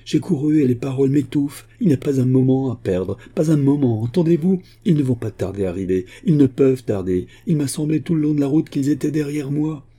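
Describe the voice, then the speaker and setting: A man's voice: mid-range voice, normal speed, dark tone, breathy edge, pitched above the performer's own voice, natural voice. A man voicing a desperate, breathless young woman pleading with her father. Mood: frantic.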